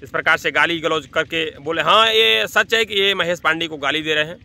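Speaking into a phone at arm's length from an open-sided thatched hut by farm fields, this male vlogger has a fairly quick, sharp, higher voice. His casual commentary to camera is emphatic, full of repeated phrases, and he keeps addressing viewers as "brother."

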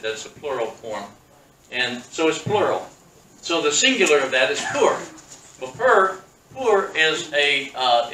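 A man's voice: medium pitch, pushed and bright, a little hiss or hum. Man teaching bible in an echoey hall. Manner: halting, many fillers and restarts, asks the congregation questions. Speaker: pastor. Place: church hall. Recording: echoey room, speaker far from mic.

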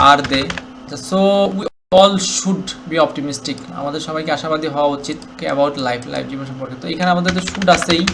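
A man with a Bangladeshi accent teaching English grammar, asking questions and answering them himself, with the English examples read slowly. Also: a little high, a bit bright, a little hiss or hum. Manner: quick, explanatory, asks and answers his own questions, reads English examples slowly. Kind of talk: explaining grammar to students.

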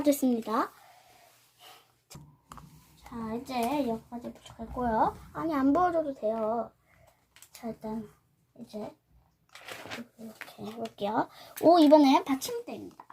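A woman's voice: a little high, mellow, a little hiss or hum. A young girl hosting her channel, narrating a toy build step by step with cheerful ta-da calls. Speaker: channel host.

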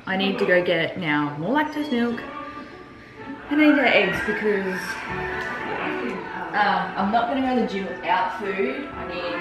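A young woman vlogging at home as a mother, chatting casually and cooing to her toddler in sing-song tones. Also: mid-range voice. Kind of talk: casual vlog chat. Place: home kitchen and bedroom. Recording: roomy home audio with music behind.

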